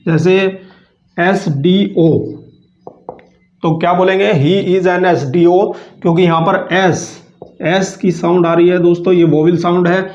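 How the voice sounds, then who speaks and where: A male teacher giving a grammar lesson, who explains patiently, repeats himself slowly and keeps addressing viewers as friends. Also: high voice, steady tone, darkish tone. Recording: echoey room, dull lo-fi sound.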